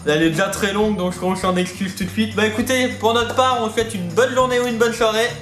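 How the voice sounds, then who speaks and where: Speaking quickly in a high, fairly bright voice with fairly even intonation, a YouTube reptile-hobby host rambles talkatively and says things more than once. His speech has a slight lisp and an unusual articulation. Faint music sits behind him, and the room sounds echoey.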